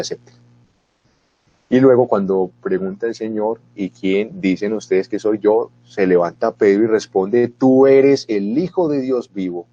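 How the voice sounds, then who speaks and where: A man with a low, mellow, husky voice teaches a Bible lesson. He speaks straight to his listeners and rises with feeling when he quotes scripture. The recording is dull and lo-fi. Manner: earnest, animated when quoting scripture; talks to listeners directly with asides. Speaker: catechist.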